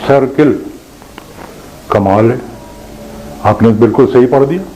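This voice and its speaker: Older man lecturing, mellow voice. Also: mid-range voice, slight background noise, poor audio. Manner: asks the audience questions, measured delivery. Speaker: former college principal and teacher. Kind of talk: lecture with anecdotes.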